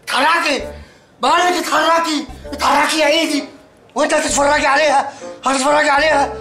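A breathless, whining young man who is dazed and sure he is dying, speaking with an Egyptian accent. His voice sits high and his words tumble out very fast. The scene comes from a comedy series. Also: flat delivery, sharp tone, soft background music, exaggerated voice. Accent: Egyptian Arabic.

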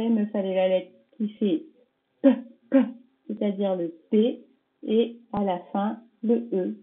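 A woman primary school teacher correcting a dictation for young pupils, patiently sounding out each word syllable by syllable and checking in with them. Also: mid-range voice. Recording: tinny phone-like audio.

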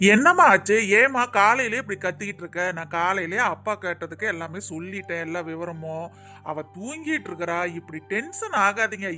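A voice actor playing a young husband and son in a cartoon, pleading with his mother to calm down. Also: medium pitch. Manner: pleading, fast. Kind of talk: cartoon voice acting.

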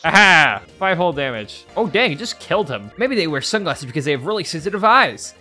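A woman giving casual, playful let's-play commentary, giggling and swinging between high squeals and low mutters. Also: big pitch swings, quick pace, a bit bright, faint music behind. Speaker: gamer.

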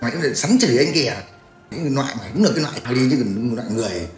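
A man's voice: medium pitch, expressive, rapid-fire. A man, ranting crudely and mockingly in a livestream. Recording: echoey room with faint music.

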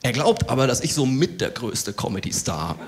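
A man's voice: medium pitch, very animated, normal speed. A man doing stand-up comedy in German in front of a live audience, chatty and telling anecdotes. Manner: chatty, acts out others' voices in anecdotes. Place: theater stage before a live audience.

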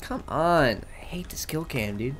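A man's voice: on the high side, expressive, measured pace, a bit bright, slight background noise. A young man hosting a let's play, giving casual, joking gameplay commentary full of slang. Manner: joking, slangy, talks to himself.

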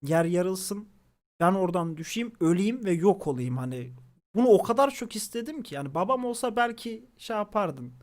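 A young man from Turkey, a streamer, casually telling stories to his chat, animated and swearing freely. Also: high voice, normal speed.

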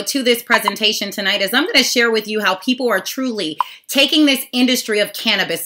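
A woman from the Pittsburgh area giving a hyped, upbeat sales presentation to an online audience. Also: mid-range voice. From Pittsburgh, Pennsylvania area. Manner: hyped, upbeat, repeats "super excited". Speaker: network marketing presenter.

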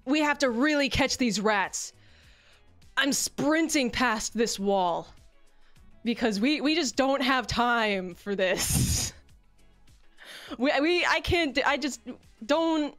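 Playful, giggly higher-voiced woman streamer. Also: expressive, slow pace, pauses often, fairly bright tone. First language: English. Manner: playful, giggly, self-deprecating. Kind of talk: casual livestream chat, debut introduction. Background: background music.

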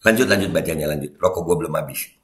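A man's voice: rumbling low, very fast, reverberant, background noise. A man hosting casual commentary among friends, teasing and sarcastic, laughing often. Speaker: host of a commentary channel. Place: room shared with a small group of friends.

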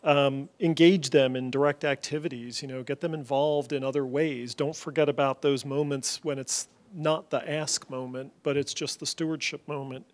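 A man speaks as a panelist in a conversational way, with a middle-pitched voice. He keeps a loose flow and fills pauses with small words. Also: steady tone. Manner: conversational, fills with "you know" and "um". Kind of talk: panel discussion remarks.

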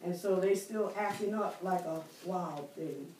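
A woman's voice: fairly low pitch, a little mellow, a little hiss or hum. A middle-aged woman teaching a Bible study as a preacher, drawing out key words and calling for responses from the room. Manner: call-and-response preaching with drawn-out emphasis. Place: church library room with bookshelves. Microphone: far camera, no mic. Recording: echoey room from far off.

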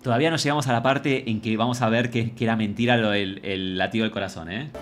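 A young man with an Argentine accent chatting excitedly to his viewers as he reacts to a reality show. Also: fairly low pitch, quick pace, soft background music. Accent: Rioplatense Argentine Spanish. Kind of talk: casual reaction commentary.

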